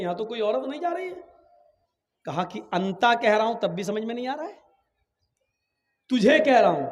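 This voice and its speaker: A man preaching a sermon, swinging from calm storytelling to shouted exhortation and acting out dialogue in his stories. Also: high voice, big-room sound, a little hiss or hum.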